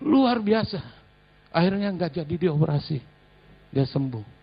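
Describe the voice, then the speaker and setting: Man, pastor, high-pitched voice, animated sermon, soft asides then loud calls. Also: measured pace, gravelly, slightly rough, lo-fi sound. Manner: laughs while telling anecdotes.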